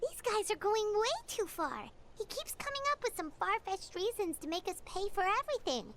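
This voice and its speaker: Paimon: a squeaky chirpy companion. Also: female voice, very animated, normal speed, a bit bright, exaggerated voice. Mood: chatty. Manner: speaks of herself in third person. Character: tiny floating female companion, chirpy and nosy. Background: game music.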